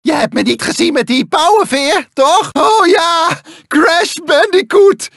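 A man's voice: animated, unhurried, a bit bright, no room sound, clean studio sound, exaggerated voice. A man voicing a manic, whiny mad scientist villain in a video game, theatrical and strained, swinging between gloating and wailing. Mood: menacing, melodramatic. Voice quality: shrill, strained, gravelly. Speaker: video game character voice actor. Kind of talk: exaggerated cartoon video game voice acting.

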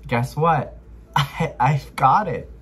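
A young American man from Los Angeles chats casually to camera as a book vlogger from a small indoor bedroom, slangy and given to dramatic emphasis. His voice sits on the high side, fairly bright and slightly rough, and he speaks extremely slowly.

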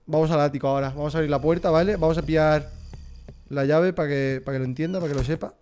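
A man's voice: a little high, steady tone, fast, a little mellow, slight background noise. A young man with a Spain Spanish accent, jumpy and swearing while commenting live on a horror game for his chat. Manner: profane, jumpy, talks to chat. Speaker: streamer.

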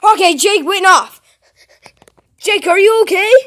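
A woman voicing a pushy, scheming, excitable plush toy dad in a homemade skit. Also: very high voice, a little slow. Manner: exclamatory, bossy.

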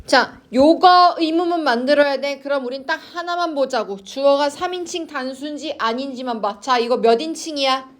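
Casting note: high-pitched woman as an English teacher, coaxing, keeps asking the class if they follow. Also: normal speed, few pauses. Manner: coaxing, checks in constantly with students. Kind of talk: online class lecture to students.

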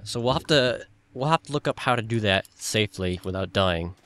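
Guy hosting a game stream, lowish voice, crisp and clear, kinda rambly. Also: expressive, brisk, fairly bright tone. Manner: rambling, trails off mid-sentence. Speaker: let's play host. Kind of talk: casual gaming chat.

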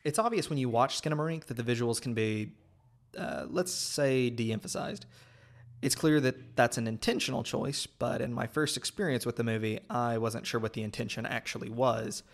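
With noticeable vocal fry and an ordinary male pitch, a man narrates a scripted video essay. He speaks in a measured, explanatory way, setting out each point clearly.

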